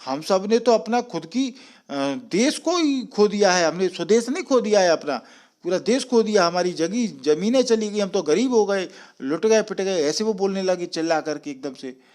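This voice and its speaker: A man teaching an English story, reading lines slowly and explaining each in Hindi. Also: sits high, expressive, a little mellow.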